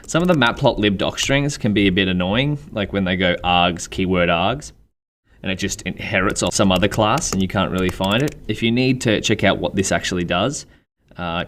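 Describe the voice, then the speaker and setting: A man with an Australian accent, talking through a coding tutorial in a relaxed, chatty way and thinking aloud while he types. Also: low voice, normal speed, a little hiss or hum. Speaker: programming instructor. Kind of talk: screen-recorded coding tutorial. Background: keyboard typing.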